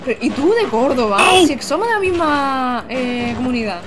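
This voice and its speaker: A young woman from Almería, streaming a game live and chatting excitedly with her viewers. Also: high voice, normal speed. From Almería, Andalusia, Spain. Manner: chatty and excitable, talks to chat, exclaims often. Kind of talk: live-streamed gameplay commentary.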